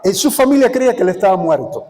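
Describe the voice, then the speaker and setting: High-voiced Venezuelan preacher in a big hall. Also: male voice, fast. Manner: lively, acts out every voice in his stories. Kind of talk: sermon storytelling. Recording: long hall reverb.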